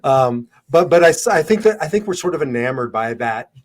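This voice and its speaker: Podcast co-host, male, mid-pitched, emphatic and opinionated. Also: animated, fairly quick. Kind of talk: casual podcast discussion.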